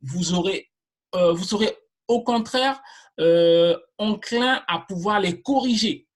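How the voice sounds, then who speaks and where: Slow, deliberate woman teaching marketing. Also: medium pitch. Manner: slow and deliberate, with frequent fillers and repetitions. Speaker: marketing instructor. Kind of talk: online course lecture.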